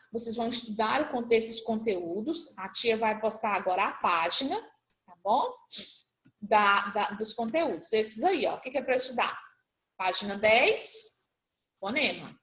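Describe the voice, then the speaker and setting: A woman's voice: fairly high pitch, expressive, unhurried, fairly bright tone, echoey room. A woman teaching a primary school class, patiently spelling out letters one by one as she reviews for a test. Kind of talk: recorded class review lesson.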